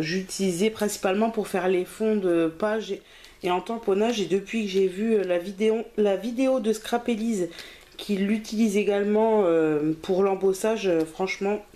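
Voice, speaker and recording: A woman's voice: medium pitch, moderate pace, dark tone. A woman chatting casually through a craft haul video, self-deprecating and often hesitating. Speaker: craft vlogger.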